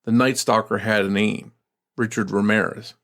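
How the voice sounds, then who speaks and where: A man co-hosting a true crime podcast, reading case details and then musing in a halting, measured way. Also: fairly low pitch, fairly even intonation, a bit bright. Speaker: podcast co-host.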